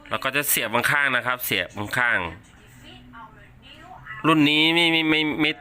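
A man giving a casual hands-on unboxing demonstration, speaking haltingly and repeating words as he handles items. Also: medium pitch, huge pitch swings, bright, forceful tone. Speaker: unboxing presenter.

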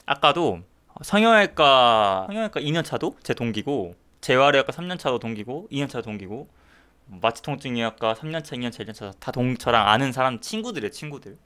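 A man's voice: mid-range voice, expressive, fairly quick, sharp tone. A young man chatting casually on a stream, joking and teasing, acting out quoted voices. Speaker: doctor vlogger streaming. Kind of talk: casual livestream chat.

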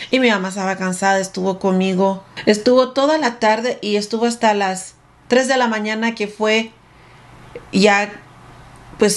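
A woman vlogger in a casual story time, speaking directly to her viewers in an emotional, breathless retelling that often repeats its phrases. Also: medium pitch.

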